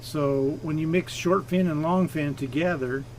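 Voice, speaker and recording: A man's voice: on the high side, unhurried, darkish tone, slight background noise. A man hosting a live stream from his home fish room, casually explaining his fish while he works on the tanks.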